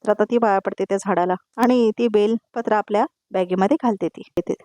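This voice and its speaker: A woman narrating a voice-over recap of a TV serial episode, speaking to viewers with quick asides. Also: mid-range voice, fairly even intonation, warm tone, no echo. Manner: rapid storytelling with audience asides.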